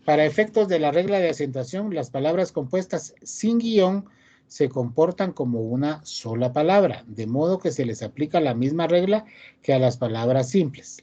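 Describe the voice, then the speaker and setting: A man's voice: mid-range voice, mellow. A male teacher giving a class, reading rules aloud and explaining them, often ending phrases with a checking question to the students. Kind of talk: online class lecture.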